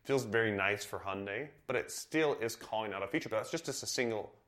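A man from Idaho in a casual podcast chat, relaxed and reflective, restarting phrases as he goes. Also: lowish voice, a little fast.

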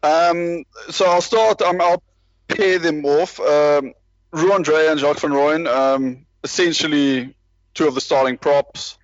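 A man's voice: a little high, fairly even intonation, slow pace, dry recording, dull audio. A man talking rugby in a casual, rambling way, with many restarts and self-deprecating asides. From South Africa. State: parent with a baby nearby. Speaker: rugby podcast panelist. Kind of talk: casual chat.

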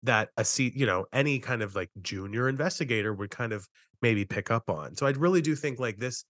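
A man's voice: medium pitch, fairly quick, a bit bright, no echo, studio quality. A man co-hosting a true-crime podcast, discussing and narrating cases in a conversational way.

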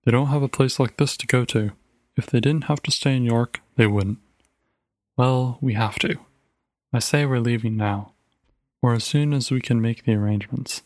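A man's voice: medium pitch, moderate pace, a little mellow, dry recording, natural voice. A man putting on a firm, insistent mother. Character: stern determined mother, adult woman.

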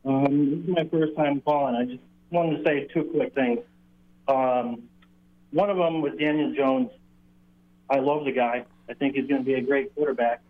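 A man's voice: medium pitch, steady tone, normal speed. A man calling into a radio show on speakerphone, his voice muffled and hollow, talking hesitantly with fillers. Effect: muffled, hollow speakerphone sound. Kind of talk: casual call-in chat. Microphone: phone on speaker. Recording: muffled phone line.

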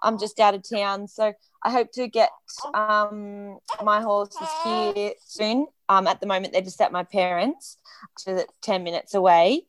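A woman's voice: medium pitch, fairly even intonation, measured pace, a crowd in the background. A woman guest chatting hesitantly with many fillers. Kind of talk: casual chat.

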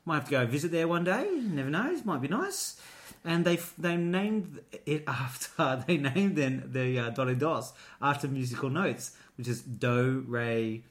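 A man's voice: mid-range voice, lively intonation, normal speed. Male co-host, North Queensland accent, chatty and jokey, casual delivery, mid-range voice. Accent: North Queensland Australian. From North Queensland, Australia. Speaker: co-host of a Eurovision show. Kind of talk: casual chat.

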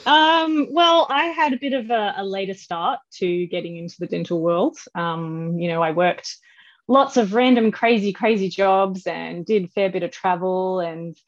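A woman's voice: medium pitch, normal speed, dry recording, highs cut off. A woman with an Australian accent telling her story casually as an interview guest, in a rambling, informal way. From Western Australia. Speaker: podcast guest, dental professional.

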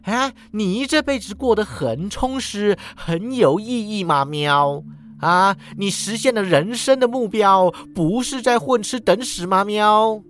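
A man's voice: high voice, animated, a little slow, a bit bright, pitched above the performer's own voice. A man voicing a lazy, glib male orange cat who sighs and tacks a meow onto his lines, in a storybook reading. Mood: needling. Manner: drawling, sighs 'ai' and tacks 'meow' on lines. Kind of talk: storybook character voice.

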